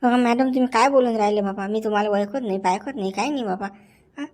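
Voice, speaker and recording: A man's voice: high voice, fast, a little mellow, natural voice. A man acting a nervous, honest village official in a comedy sketch, protesting and repeating "baba" as he talks. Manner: protesting, sprinkles "baba" through his speech.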